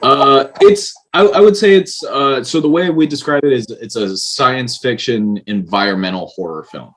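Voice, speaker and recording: A man's voice: medium pitch, moderate pace, a bit bright, rough recording. A man, a writer and director, explaining his film earnestly in a casual interview. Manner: earnest, explaining at length with restarts.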